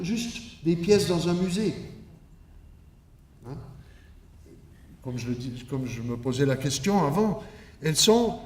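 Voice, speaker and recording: A Swiss academic keynote speaker gives a conference lecture in a didactic, emphatic style with rhetorical asides. His voice sits high with a darkish tone, picked up by a distant microphone in an echoey room.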